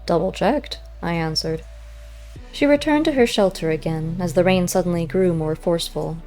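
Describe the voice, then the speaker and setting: Reading a first-person story as an audiobook narrator, a woman speaks in a fairly low, very soft and dark voice. Her delivery is measured and literary, with quiet music underneath.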